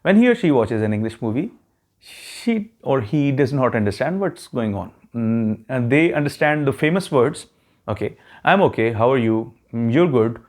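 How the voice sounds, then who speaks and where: With a medium-pitched, animated, slightly mellow voice at moderate pace, a man explains a test strategy on his immigration-advice YouTube channel. He talks casually, often asking "okay," has a neutral accent, and describes himself as not very fluent in English.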